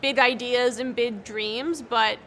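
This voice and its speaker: Speaking slowly and steadily, a young American woman answers interview questions earnestly and encouragingly; she is a speech-language pathologist who stutters, repeating words and breaking off sounds. Her voice sits on the high side and is fairly bright, with slight background noise.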